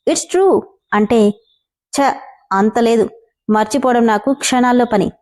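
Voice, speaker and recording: A woman's voice: fairly high pitch, takes it slowly, a little mellow. A woman reading a romance story aloud, telling the dialogue of both lovers with feeling. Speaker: story narrator.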